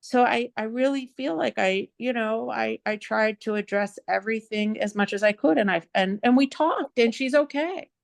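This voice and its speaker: A woman in an online class shares her feelings in a halting, emotional way, full of "you know", over a video call. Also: on the high side, gravelly, dry recording, clean studio sound. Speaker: class participant. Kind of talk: personal sharing.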